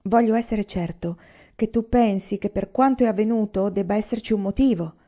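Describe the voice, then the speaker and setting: A woman's voice: mid-range voice, brisk, warm tone, natural voice. A woman reading a heated, accusing husband. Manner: raised, insistent outbursts. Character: angry, accusing Chinese husband, adult man. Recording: slightly dull lo-fi recording.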